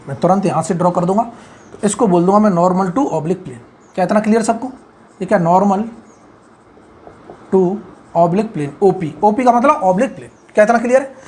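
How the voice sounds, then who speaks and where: A man giving a whiteboard engineering lecture. He keeps checking whether everything is clear, repeats key terms and murmurs short asides of praise. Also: extremely high pitch. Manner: keeps asking if it is clear, praises himself with "very good". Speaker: engineering tutor.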